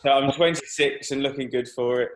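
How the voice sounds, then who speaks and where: A man's voice: medium pitch, steady tone, a little fast. A man in his twenties from Birmingham, a guest singer-songwriter rambling casually in a radio interview with many fillers. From Birmingham, England. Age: 20s.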